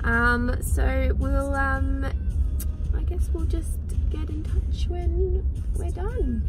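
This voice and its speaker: A woman's voice: high-pitched, flat delivery, slow, over loud music. A tired woman chatting casually and candidly to camera as she vlogs, with a teasing, self-deprecating streak. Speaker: vlogger documenting her IVF cycle. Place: inside a car. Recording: noisy moving car, distant mic.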